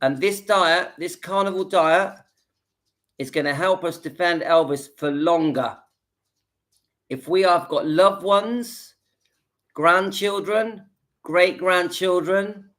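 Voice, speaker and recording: A man in his late fifties talks straight to his viewers from home, pitched a little high for a man. He is earnest and rousing, and he repeats his lines to drive the point home. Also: fairly bright tone. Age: 50s. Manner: earnest, repetitive, rallying the viewers. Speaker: channel host. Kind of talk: casual direct-to-camera vlog.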